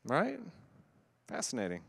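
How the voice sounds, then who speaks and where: A man giving a conference keynote talk, animated and conversational with playful asides to a live audience. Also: mid-range voice, a little slow, vocal fry, slightly rough, in a large hall. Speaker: keynote speaker. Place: large conference hall before an audience.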